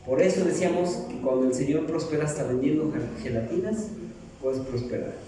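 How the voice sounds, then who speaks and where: A middle-aged preacher jokes with his congregation and asks them questions during a sermon in a church hall. He speaks fairly quickly in a warm, slightly high voice, recorded from afar in the echoing hall with a little background noise.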